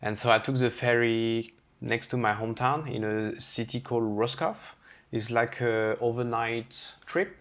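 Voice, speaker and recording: A man with a French accent talks as a chef guest on an interview show. He tells his stories candidly and with energy, and he acts out the quoted lines in them. His voice sits at an ordinary male pitch. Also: unhurried, fairly bright tone. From France. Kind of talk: casual storytelling interview.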